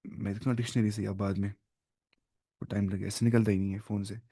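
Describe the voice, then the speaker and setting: A man's voice: on the low side, little pitch movement, quick pace, dark tone. A man with an Urdu-speaking accent teaching an online Arabic lesson, thinking aloud, looking up words and correcting himself as he goes.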